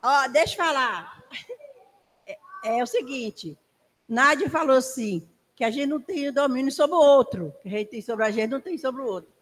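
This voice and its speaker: Woman, high voice, plain class remark, long hall reverb. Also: animated, normal speed. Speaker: church class participant. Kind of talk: comment in a Bible class.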